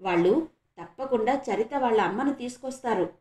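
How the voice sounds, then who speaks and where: A woman's voice: on the high side, expressive, a little fast, a little mellow, echoey room, natural voice. A woman voicing an eager, trusting schoolgirl in an audiobook, talking in an earnest, breathless way.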